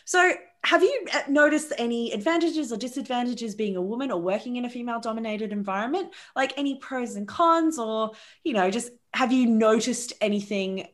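A woman's voice: on the high side, animated, a little fast, few pauses, fairly bright tone. Aussie woman podcast host, chill and encouraging, keeps saying mm absolutely. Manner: encouraging, many agreeing murmurs. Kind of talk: casual interview chat.

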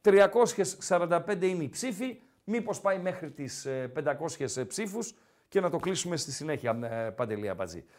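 A man with a Greek accent hosting a casual sports talk podcast, who teases his co-host and keeps repeating his name. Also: fairly high pitch. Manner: teasing, animated, repeats the co-host's name.

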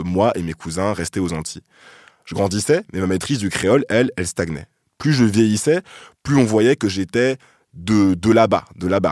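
A low-voiced man from France hosts a podcast, telling a personal story in a calm, reflective way. He pauses on small hesitations as he thinks. The sound is dry and close to the mic. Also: no room sound. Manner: reflective, thoughtful, with soft hesitations. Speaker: podcast host.

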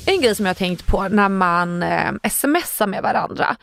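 A young woman co-hosting a podcast in casual chat, animated and acting out quotes. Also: creaky, dry recording, soft background music. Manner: animated, acts out quotes with sudden high outbursts and laughs. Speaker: podcast co-host.

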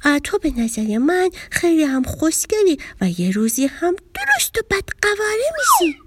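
A woman's voice: very high voice, wildly swooping pitch, fairly bright tone, no room sound, heavily acted. A woman voicing a scatterbrained young fish who rambles, gets tongue-tied and easily confused, in a children's story. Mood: flustered.

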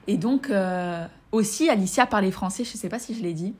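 A woman's voice: mid-range voice, moderate pace, darkish tone, slightly rough. A woman from France hosting a casual personal podcast, chatting enthusiastically and speaking straight to her listeners. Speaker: podcast host and coach.

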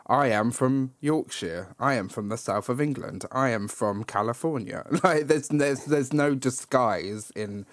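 A man's voice: medium pitch, no echo. A man hosting a casual film discussion, hesitant and full of fillers and restarts. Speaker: podcast host.

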